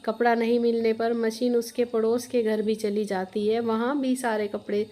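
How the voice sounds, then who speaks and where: A woman narrates a simple moral tale with a steady, plain delivery. Her voice sits a little high for a woman, and she keeps the telling clear and unhurried. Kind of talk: storybook narration.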